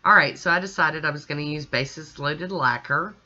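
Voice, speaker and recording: A woman's voice: low-pitched, brisk, bright, forceful tone, lo-fi sound. A woman chatting casually as she talks the viewer through her nail art, step by step. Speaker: nail art channel host.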